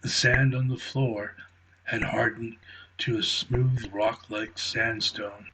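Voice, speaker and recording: A man reading a children's bedtime story aloud in a slow, gentle way. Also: fairly low pitch, slight background noise, poor audio.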